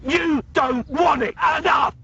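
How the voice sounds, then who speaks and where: An actor playing an angry, abusive football dad, bellowing insults from the sideline. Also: male voice, very high voice, measured pace, pushed and bright, raised voice, heavily acted. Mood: furious shouting. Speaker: parent spectator in a campaign video. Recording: dull recording with outdoor ambience.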